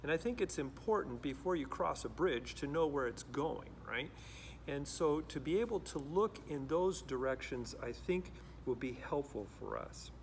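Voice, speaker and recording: Here a pastor in middle age, who grew up in Costa Rica, addresses the camera earnestly and reflectively, with many restarts. His pitch is fairly high and expressive, delivered at normal speed. A little hiss or hum sits in the background.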